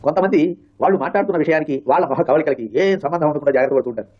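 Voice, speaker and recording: A man narrates between comedy sketches, introducing each one. He talks very fast in a slightly raised voice. The recording is dull and lo-fi. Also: fairly high pitch.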